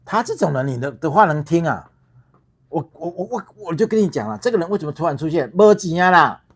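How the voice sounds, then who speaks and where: A man's voice: a little high, big pitch swings, fast talker, husky. A middle-aged man from Taiwan, a party founder hosting a heated political livestream, ranting with rhetorical questions, repeated words and swearing.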